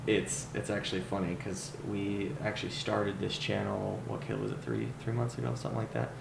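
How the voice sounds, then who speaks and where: A man hosting a casual podcast interview, restarting his sentences often and quick to agree. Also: on the low side, animated. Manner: stammering restarts, quick affirmations. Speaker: podcast host. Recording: roomy, with clear noise.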